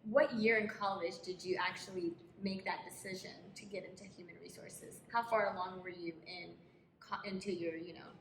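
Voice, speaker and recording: A woman's voice: mid-range voice, fairly even intonation, normal speed. A woman co-hosting a casual interview, asking direct, inquisitive questions. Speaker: co-host, accountant. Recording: echoey room, clear ambient noise.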